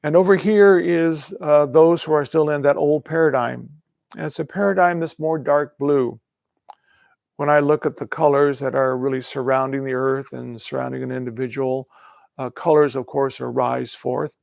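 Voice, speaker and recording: Male spiritual teacher, calm affirming delivery, gravelly texture, dry close sound. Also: mid-range voice, moderate pace, dry recording. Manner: calm, repetitive affirming phrasing. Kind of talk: livestream meditation talk.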